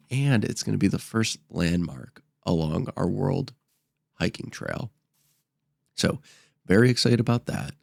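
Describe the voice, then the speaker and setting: Deep, congested man with a stuffy nose. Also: vocal fry, darkish tone, no room sound, clean studio sound. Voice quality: stuffy nasal sound. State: congested blocked nose from a cold. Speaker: gaming video host. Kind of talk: casual gameplay commentary.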